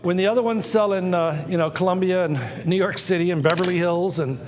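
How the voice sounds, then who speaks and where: High-voiced male live auction host. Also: fairly quick, long reverb tail. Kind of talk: live auction patter and casual chat.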